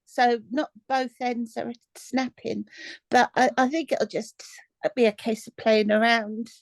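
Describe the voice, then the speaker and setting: A woman's voice: on the high side, steady tone, unhurried, creaky, dry recording. A woman taking part in an online workshop, tentatively describing a problem step by step. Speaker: workshop participant.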